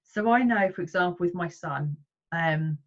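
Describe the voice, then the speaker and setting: A woman's voice: normal speed, lo-fi sound. A woman, a parent coach chatting in an interview, often acting out voices of parents and kids. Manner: animated, acts out voices of parents and children with big pitch jumps. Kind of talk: casual interview chat.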